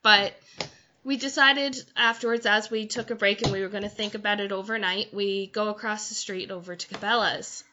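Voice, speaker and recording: A woman chatting casually, telling an animated story and quoting people as she goes. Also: mid-range voice, normal speed, background noise. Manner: animated storytelling with quoted voices. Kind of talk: casual chat. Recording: dull lo-fi sound.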